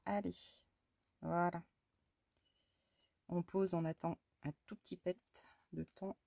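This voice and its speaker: Working on a scrapbook for her casual crafting vlog, this woman from France mutters as she goes, reacts aloud to small slip-ups, and speaks lovingly to her cat between steps. She has a lowish, gravelly, warm voice and a flat, slow delivery. There's no room sound.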